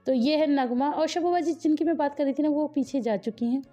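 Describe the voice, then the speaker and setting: A woman's voice: high-pitched, a little fast, warm tone, faint music behind. A woman vlogger in a chatty voice-over, talking straight to her viewers and quizzing them as she narrates family wedding footage.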